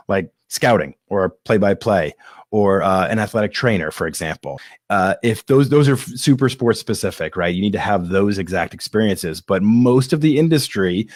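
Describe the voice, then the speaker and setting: A male podcast host with a fairly low voice answers live questions from his audience, candid, self-deprecating and prone to rambling. Coughs and hiccups interrupt him at times. The casual live-streamed Q&A is recorded in studio quality with no room sound.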